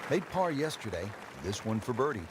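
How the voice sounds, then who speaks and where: A man giving golf commentary as the play-by-play announcer, in measured, declarative calls with short phrases. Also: mid-range voice, sing-song, close to an everyday voice. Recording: noisy, with crowd behind.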